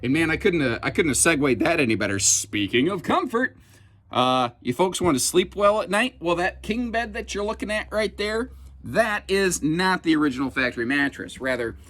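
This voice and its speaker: A man's voice: fairly high pitch, very animated, normal speed, a bit bright. A man giving a casual, chatty walkthrough inside a trailer as an RV dealer, folksy with lots of fillers, recorded on a handheld camera mic.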